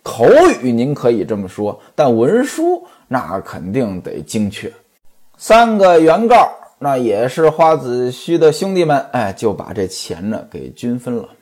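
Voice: mid-range voice, big pitch swings, unhurried, a little mellow, husky. A traditional storyteller who narrates a classic tale and keeps turning to speak directly to the listeners. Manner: chatty, addresses listeners directly.

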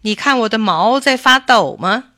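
A woman voicing a big, confident storybook tiger who gives firm, loud commands. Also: a little high, animated, normal speed, no echo, clean studio sound. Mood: proud.

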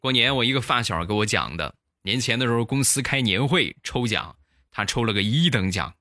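A man hosting a comedy show, telling funny stories in a lively way and acting out the voices, close to the mic. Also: medium pitch, a little fast, soft background music. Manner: lively, acts out every voice. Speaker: comedy host. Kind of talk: comic storytelling.

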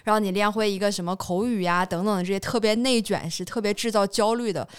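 A woman's voice: medium pitch, steady tone, fast, smooth, no room sound, clean studio sound. A woman hosting an interview podcast, asking questions and chatting with her guest. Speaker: podcast host. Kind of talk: interview chat.

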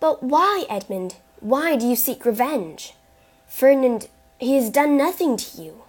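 A woman voicing a grief-stricken noblewoman who pleads in a raised, high voice. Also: lively intonation, slow, darkish tone. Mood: pleading.

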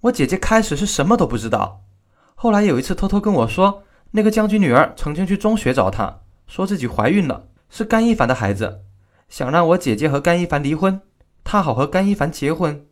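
A man's voice: a little high, big pitch swings, brisk. A man telling a true-crime story in the first person as a victim's relative, with a gossipy, indignant manner.

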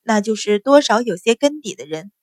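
A short-tempered lady of a great house, as a woman reader plays her snaps out orders. Her voice is sharp and commanding. The recording is dry and close. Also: on the high side, animated, fairly quick, no echo, natural voice. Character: stern noble mistress of the house, short-tempered.

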